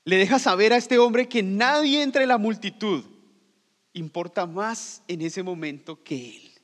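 A man preaching a sermon as pastor, swinging from loud cries down to hushed near-whispers. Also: high-pitched, unhurried, big-room sound.

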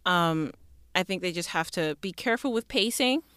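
A woman co-hosting a casual TV review chat, enthusiastic and chatty, often giving quick agreement. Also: on the low side, lively intonation, fairly bright tone, clear, resonant tone, no echo, clean studio sound. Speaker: podcast co-host.

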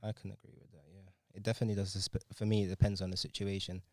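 A man's voice: low voice, little pitch movement, racing, darkish tone, no room sound, studio quality. A young man, speaking casually in a group discussion.

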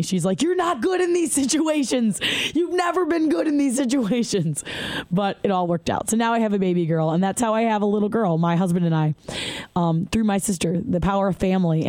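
A woman's voice: fairly low pitch, dark tone, no echo. Chatty woman telling a personal story. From Michigan. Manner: chatty, candid, laughs while telling stories. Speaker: podcast host.

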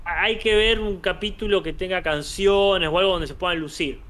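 A high-pitched man with an Argentine accent co-hosts a podcast. He chats loosely and jokes, leaning on filler words as he thinks aloud. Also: normal speed, a bit bright. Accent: Argentine Spanish. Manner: chatty, joking, often uses filler 'este'. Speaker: podcast co-host. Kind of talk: casual chat.

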